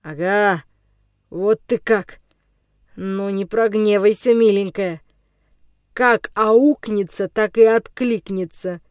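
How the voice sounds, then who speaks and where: A woman voicing a coarse older male forest vagabond villain in an audiobook, with a rough, menacing, gloating voice. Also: mid-range voice, slow, long pauses, darkish tone, no room sound, clean studio sound, natural voice. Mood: furious. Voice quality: rough, hoarse-edged voice. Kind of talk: audiobook character reading.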